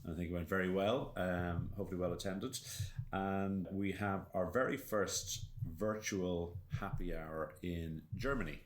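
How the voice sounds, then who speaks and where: A man co-hosting a casual business podcast, playful and quick to agree. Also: deep voice, steady tone. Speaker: podcast co-host. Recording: echoey room with faint noise.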